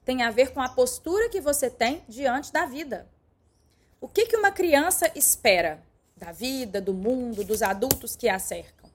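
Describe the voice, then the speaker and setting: In a live-streamed online lesson, a middle-aged teacher speaks at a normal pace in a high, lively voice, offering warm, direct coaching and addressing her viewers fondly.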